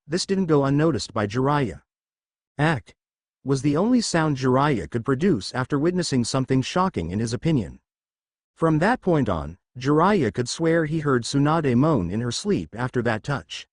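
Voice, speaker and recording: A man narrating a fan-fiction story in a steady storytelling read. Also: medium pitch, dry recording, studio quality.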